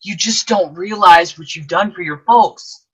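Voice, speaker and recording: An actor voicing Clarence, an earnest second-class guardian angel, with animated, emphatic delivery in an old-time radio play. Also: mid-range voice, measured pace, breathy edge, rough recording.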